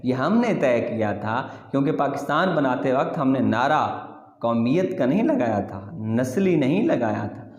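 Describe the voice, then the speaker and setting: Slow, declamatory man in an echoey room. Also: mid-range voice. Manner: slow, declamatory, with emphatic rhetorical questions. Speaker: YouTube channel host. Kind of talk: reciting and explaining a patriotic poem. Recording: echoey room with long reverb.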